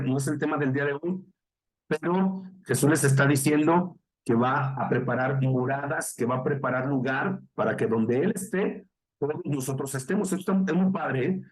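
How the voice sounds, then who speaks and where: A man with a Mexican accent, a pastor leading a Bible study, who reads verses slowly and stops to explain them and question his listeners. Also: medium pitch, breathy edge, low-quality recording.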